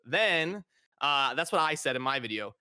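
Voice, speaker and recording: A man's voice: mid-range voice, expressive, normal speed, sharp tone, clean tone. A man hosting a casual conversational debate, often repeating words as he gets his point out. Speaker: streamer hosting a debate, content creator.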